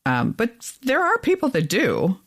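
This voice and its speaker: Woman, podcast co-host, casual and animated storyteller. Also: a little slow. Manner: animated storyteller, rises in pitch when exasperated. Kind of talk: casual chat.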